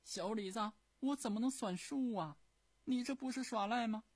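A man's voice: on the high side, wildly swooping pitch, unhurried, breathy edge, no room sound, pitched above the performer's own voice, heavily acted. A man voicing an aging, imperious empress who teases her servant. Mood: teasing. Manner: imperious, teasing. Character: aging imperious empress, teasing yet fearful.

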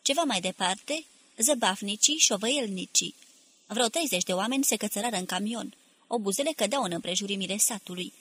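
A woman narrating a novel in a steady, measured audiobook reading. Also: medium pitch, slightly rough. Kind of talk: scripted literary narration.

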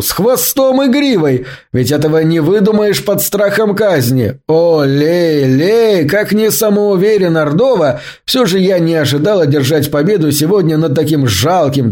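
A man playing a haughty, mocking skeptic. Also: warm tone. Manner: sarcastic, bursting into high exclamations. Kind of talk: audiobook reading.

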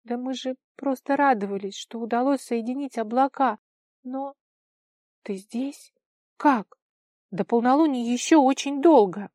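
A woman's voice: sits high, measured pace, darkish tone, no echo, clean studio sound, pitched above the performer's own voice. A woman reader voicing an anxious, commanding young celestial woman, urgent and imperious in speech. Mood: shocked.

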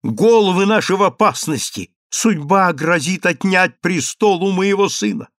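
A man's voice: expressive, a little slow, no room sound, studio quality. A man reading an audiobook, voicing a proud young sultana who speaks in a commanding, indignant way. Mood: distraught. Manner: commanding, indignant, high-strung.

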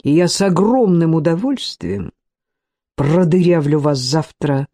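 A reader playing an icily formal gentleman in a period romance audiobook, speaking slowly on a level, measured tone. The voice sits a little lower, dark and mellow, dry. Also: expressive, no room sound. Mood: icy. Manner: slow, level, icy. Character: cold, composed older gentleman, icily formal.

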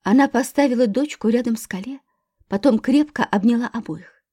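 Woman audiobook narrator, tense and measured, higher pitch, dry close sound. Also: dark tone, no echo. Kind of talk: scripted thriller narration.

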